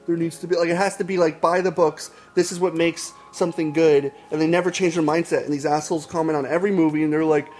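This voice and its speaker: A man's voice: on the high side, steady tone, quick pace, hardly any pauses, darkish tone, a little hiss or hum. A man talking casually with friends, rambling with many restarts and fillers. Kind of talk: casual chat.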